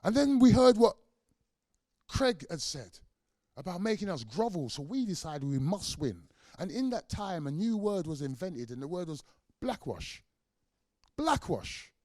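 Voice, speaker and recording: A middle-aged man gives a conversational storytelling lecture. He acts out quoted voices in a raised pitch, with casual fillers between his points. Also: big pitch swings, normal speed, dry recording, clean studio sound. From England. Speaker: guest lecturer.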